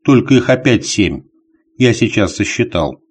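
A man's voice: on the low side, very animated, measured pace, breathy edge, heavily acted. Man reading an uneasy, watchful sled driver. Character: uneasy watchful male dog-sled traveler.

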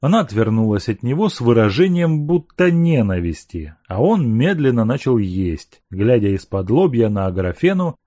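A man reading a classic novel aloud as an audiobook narrator, with expressive storytelling. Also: medium pitch, normal speed, hardly any pauses, dry recording. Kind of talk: scripted narration.

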